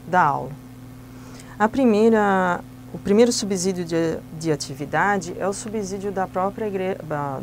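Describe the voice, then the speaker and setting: A woman's voice: mid-range voice, a little mellow, slight background noise. Patient woman explaining a classroom activity. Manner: patient, instructive, step by step. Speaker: Sunday school teacher trainer.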